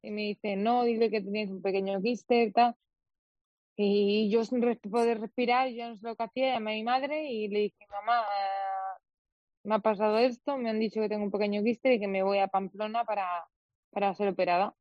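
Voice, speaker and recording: A woman's voice: medium pitch, steady tone, moderate pace, dry recording, dull audio. A young woman from Spain, a guest in an interview, recounting a difficult personal experience with many quoted dialogues and restarts. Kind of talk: emotional personal account in an interview.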